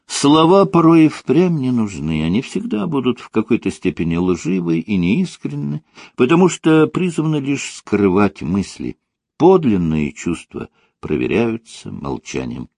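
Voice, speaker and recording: Expressive male audiobook reader. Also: mid-range voice, a little slow, no echo, clean studio sound. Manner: expressive, storytelling. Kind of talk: audiobook narration.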